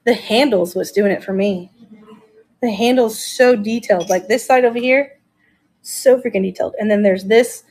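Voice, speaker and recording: A woman's voice: mid-range voice, normal speed, a little mellow. A woman hosting a casual live-stream auction, chatting enthusiastically and thinking aloud as she shows each item.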